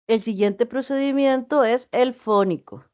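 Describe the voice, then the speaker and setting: A woman's voice: a little high, a little slow, a little mellow. Woman teaching on a dull call. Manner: patient, explains with spoken examples. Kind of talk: online class lecture.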